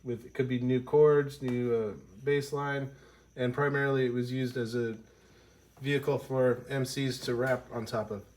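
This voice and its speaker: A man with a congested, stuffy voice from a cold teaches a casual music lesson. His delivery is flat and a little mellow, at medium pitch and moderate pace, and he rambles, corrects himself, and says "um" a lot.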